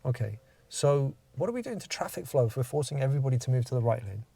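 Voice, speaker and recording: A man talks a trainee through his driving faults, quick and with a gravelly edge. He explains each point and keeps asking leading questions. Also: medium pitch, animated, warm tone, no room sound. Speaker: driving instructor. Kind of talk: spoken feedback after a mock driving test.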